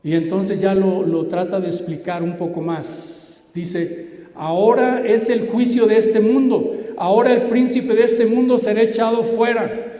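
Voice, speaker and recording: A man preaching a sermon as pastor, swinging between loud emphasis and hushed asides. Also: sits high, steady tone, unhurried. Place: church hall. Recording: echoey church hall.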